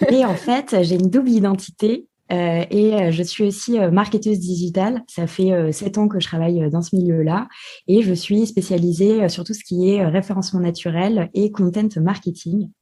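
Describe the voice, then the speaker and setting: A woman's voice: medium pitch, moderate pace, dark tone, slightly rough. A woman guest in a podcast interview, explaining carefully with many hesitations. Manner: hesitant, many filler sounds, methodical explaining. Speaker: podcast guest, marketing specialist.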